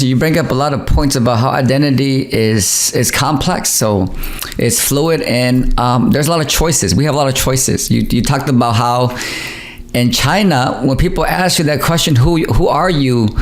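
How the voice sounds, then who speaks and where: A man's voice: mid-range voice, moderate pace. A man hosting a podcast, asking questions and affirming his guest in a reflective, conversational way, repeating a word here and there. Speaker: podcast host. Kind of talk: conversational interview.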